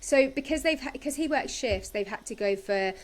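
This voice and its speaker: A woman hosting a podcast, retelling soap episodes in a casual, chatty way with animated storytelling. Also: fairly high pitch, moderate pace. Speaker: podcast host recapping a soap. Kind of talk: casual chat.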